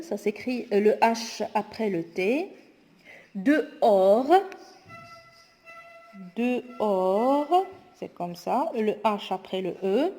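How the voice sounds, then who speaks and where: A woman teacher going through homework exercises aloud, slowly and deliberately spelling words out. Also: mid-range voice, darkish tone. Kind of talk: spoken homework correction lesson. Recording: long echoing reverb.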